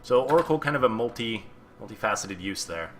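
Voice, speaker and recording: A man's voice: on the low side, lively intonation, fairly quick. A man doing color commentary on a strategy video game match, with dry, wry asides. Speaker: esports co-caster.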